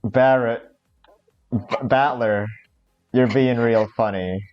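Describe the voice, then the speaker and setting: A man's voice: mid-range voice, steady tone, slow pace, highs cut off, soft background music. A man chatting casually and with amusement, swearing now and then, as he runs a game with a friend. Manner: amused, profane. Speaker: fan visual novel creator playing along. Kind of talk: casual joking chat during a game.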